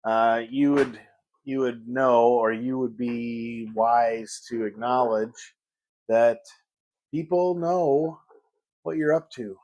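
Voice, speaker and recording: A man vlogging a casual morning chat at home, rambling and pausing to search for the right word. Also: mid-range voice, steady tone, a little mellow. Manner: rambling, pauses to search for words.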